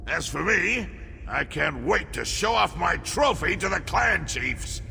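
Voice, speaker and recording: A man's voice: high-pitched, very animated, unhurried, gravelly, pushed and bright, exaggerated voice. An actor playing an ambitious, boastful male orc warlord who wants to be king, in a video game. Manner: boastful, scheming. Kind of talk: game voice acting. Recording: reverberant game audio with background noise.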